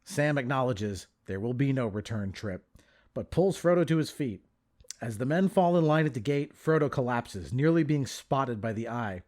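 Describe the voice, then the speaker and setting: Male podcast co-host, medium pitch, casual film discussion and recap. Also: lively intonation, moderate pace, a little mellow.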